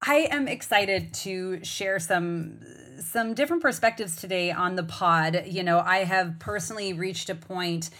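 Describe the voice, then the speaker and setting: Chatty woman in her forties, lowish voice. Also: a little slow, a bit bright. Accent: Canadian. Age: 40s. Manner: chatty, rambling, lots of "you know" fillers and restarts. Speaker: podcast host and hormone coach. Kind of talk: casual podcast chat.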